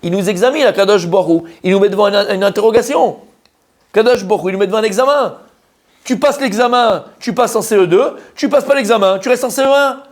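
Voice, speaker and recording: Un rabbin qui donne un cours de Torah en français, avec un ton vivant et direct, entremêlé de mots hébreux. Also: male voice, high voice, a little fast. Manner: animated, addresses listeners directly, mixes Hebrew terms into French. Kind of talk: Torah lesson, lively sermon.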